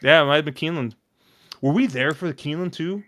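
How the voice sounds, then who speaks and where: A man hosting a casual podcast, telling long, excitable stories full of fillers and restarts. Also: fairly high pitch, fast, no echo, clean studio sound. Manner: rambling, excitable storytelling with many fillers. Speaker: podcast host.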